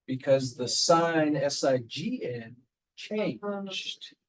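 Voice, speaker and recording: Laid-back male teacher in a classroom, slow-paced and a bit high-voiced, coaxing answers from students. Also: expressive, poor audio. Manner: casual, quizzing the class with repeated prompts. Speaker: math teacher. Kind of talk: classroom lecture.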